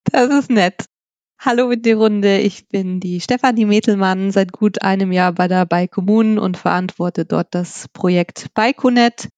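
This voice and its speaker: A woman's voice: medium pitch, moderate pace, darkish tone, dry recording. Enthusiastic woman in her thirties. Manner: enthusiastic, personal. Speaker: podcast guest, project coordinator. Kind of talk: casual interview talk.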